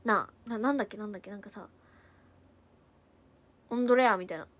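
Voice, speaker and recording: A young woman idol chatting casually on a livestream, reading out and thanking viewer comments, quick-talking, now and then slipping into a Hiroshima dialect. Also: mid-range voice. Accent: Hiroshima dialect in places.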